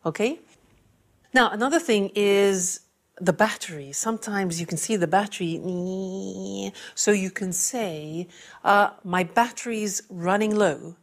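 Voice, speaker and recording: A woman teaching an English lesson, speaking clearly and repeating key phrases for learners. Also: mid-range voice, takes it slowly. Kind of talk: classroom lesson.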